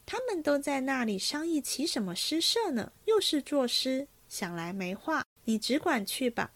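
Qiuwen, a woman doing a bright eager young maid. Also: high voice, normal speed, vocal fry, no echo, pitched above the performer's own voice, heavily acted. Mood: playful. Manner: lively, pleading and joking. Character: cheerful eager young maid, easily pleased.

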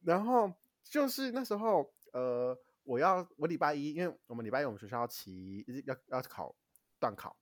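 A young man from Taiwan, co-hosting a podcast and telling a story in casual chat, animated and swearing lightly. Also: fairly high pitch, normal speed, dry recording, studio quality. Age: young adult. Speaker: podcast co-host.

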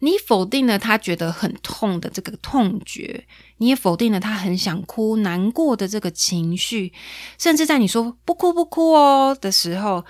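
A woman's voice: no echo, studio quality. Chatty woman podcaster. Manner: chatty, playful, acts out quoted lines in a higher voice. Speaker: podcast host. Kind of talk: casual parenting podcast talk.

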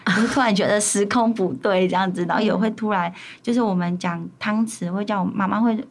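A woman's voice: mid-range voice, brisk. A woman teacher from Taiwan's Paiwan community, chatting in an interview and acting out little quoted exchanges. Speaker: elementary school teacher and administrator. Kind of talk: conversational interview answers.

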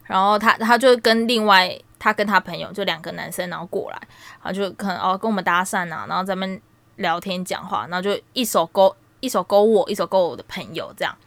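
A woman of about thirty, co-hosting a casual chat and telling stories in an animated way with frequent laughter. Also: medium pitch, quick pace. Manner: animated storytelling, laughs a lot. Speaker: podcast co-host.

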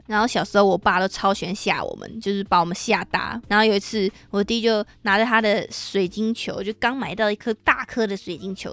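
A woman hosting an unscripted solo podcast, talking bluntly and swearing freely and casually. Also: mid-range voice. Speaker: podcast host. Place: at home, rain on an awning outside.

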